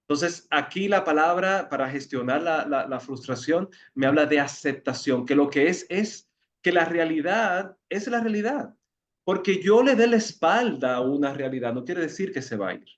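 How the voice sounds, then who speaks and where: Man with a Dominican accent guiding a class. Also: a little high. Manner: explanatory, asks the audience questions, repeats words when searching. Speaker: facilitator of an online educational session. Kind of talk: interactive talk to an online group. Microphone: video call. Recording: muffled video call audio.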